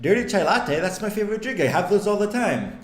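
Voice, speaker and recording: A man voicing an eager young female coffee shop worker in a chirpy, high voice. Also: big pitch swings, fairly quick, reverberant.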